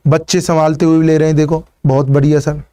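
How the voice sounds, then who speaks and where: High-voiced male teacher with a lilt. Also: little pitch movement, fast, mellow, dry recording. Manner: repeats "ठीक है ना" and explains step by step; greets students by name and encourages them. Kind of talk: live online exam-prep class.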